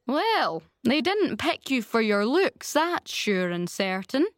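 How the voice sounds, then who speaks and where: A woman's voice: fairly high pitch, very animated, measured pace, no room sound, clean studio sound. A woman voicing a blunt, judgmental busybody in a storybook, with an emphatic, solemn, outspoken delivery. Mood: blunt, scornful.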